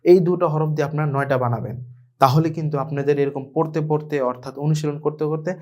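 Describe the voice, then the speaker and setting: Bangladeshi guy teaching quran reading online, kinda high voice, repeats each letter slow and patient. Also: steady tone, darkish tone. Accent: Bangladeshi Bengali. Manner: patient, repeats letters slowly for learners to echo. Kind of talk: online recitation lesson.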